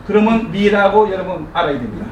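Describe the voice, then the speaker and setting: A man teaching an English class to a live audience in a room, leading them through call-and-response drills in a lively, coaxing way and chuckling as he explains. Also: high voice, fast, far from the mic, faint music behind. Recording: echoey room recorded from afar, faint ambient noise.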